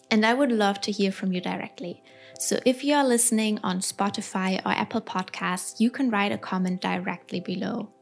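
A woman hosting a podcast from home, with an upbeat, scripted way of introducing the show and her guest. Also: mid-range voice. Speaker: podcast host.

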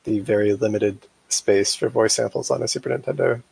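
A man chatting on a podcast in a relaxed way, with many fillers. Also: on the low side, fairly quick, gravelly, slightly rough, no room sound, low-quality recording. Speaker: podcast co-host. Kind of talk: casual chat.

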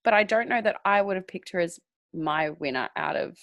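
Female podcast co-host, casual chat, animated delivery, lively pitch, dry close mic. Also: a little fast, dry recording. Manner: animated, laughs often, swoops up in pitch. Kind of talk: casual chat reviewing a TV competition.

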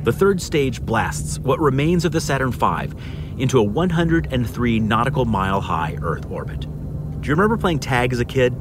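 A man's voice: medium pitch, big pitch swings, normal speed, background noise. A man narrating a scripted documentary in a dramatic, explanatory storytelling manner. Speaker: podcast narrator. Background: prominent music.

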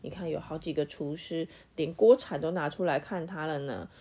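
Mellow-voiced woman reading a picture book aloud. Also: low voice, normal speed, breathy edge. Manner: animated, acts out sound effects and quizzes the child. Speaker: parent reading to her child.

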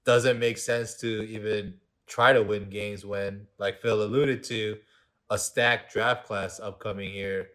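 A young man hosting a casual sports podcast, laid-back and quick to laugh. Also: on the low side, steady tone, a bit bright. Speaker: podcast host.

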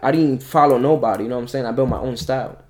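Man, mid-pitched voice, hyped frat-bro slang, boastful and self-assured, casual interview chat. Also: rapid-fire, darkish tone. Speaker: calisthenics athlete being interviewed.

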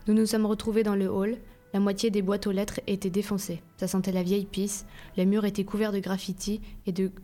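A woman reading a first-person novel aloud in a plain, even storytelling voice. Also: mid-range voice, a little fast. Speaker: audiobook reader.

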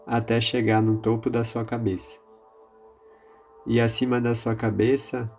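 A man with a Brazilian accent leading a guided meditation in a calm, soothing, measured manner. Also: fairly low pitch. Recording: music behind the voice. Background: music.

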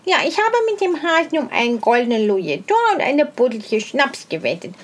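A woman voicing a crafty, stubborn male hedgehog who talks in a brisk, self-assured way in a storybook reading. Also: high voice, sing-song. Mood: bossy.

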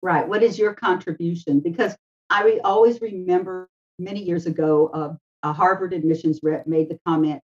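A woman's voice: fairly low pitch, animated, moderate pace, darkish tone. A woman speaking as an interview guest in a conversational, anecdotal way. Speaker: interview guest, education adviser. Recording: slightly dull, lo-fi sound.

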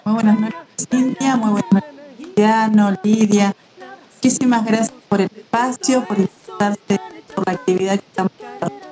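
A woman, a folk dance teacher from the Río Negro countryside, greets the hosts as a radio guest over a video call whose audio keeps cutting out and glitching. She speaks with a grateful, somewhat hesitant manner and fills pauses with "eh.". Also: medium pitch, fairly even intonation, dark tone, faint music behind. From Argentina, Río Negro countryside.

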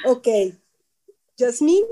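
A woman's voice: high voice, animated, extremely slow, mellow. A woman giving an informal talk to a small group, chatty, often asking her listeners questions and repeating words for emphasis. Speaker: workshop speaker.

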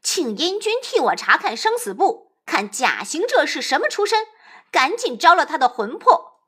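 A woman's voice: high voice, sing-song, normal speed, bright, forceful tone, exaggerated voice. A woman voicing a bold, impatient young male monkey king in a storybook tale, speaking in a raised, eager voice.

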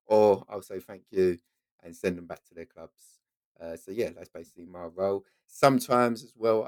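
An Essex-accented man with a lowish voice, recorded close and dry. He explains things in an interview as a football coach would, driving his main points home by repeating them. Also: darkish tone, dry recording. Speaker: football talent scout and coach.

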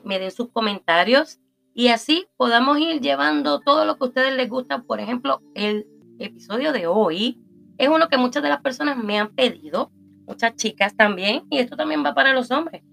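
Puerto rican lady hosting a chatty podcast, upbeat, kinda high voice. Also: vocal fry. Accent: Puerto Rican Spanish. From Puerto Rico. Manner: enthusiastic, warm-hearted praising. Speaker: podcast host. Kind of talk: casual interview chat.

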